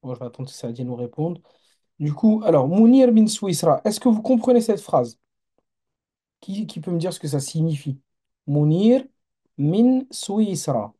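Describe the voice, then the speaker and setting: Patient male teacher, dark mellow tone, runs a live online class and checks on learners. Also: fairly high pitch, big pitch swings, moderate pace, breathy edge. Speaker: Arabic teacher.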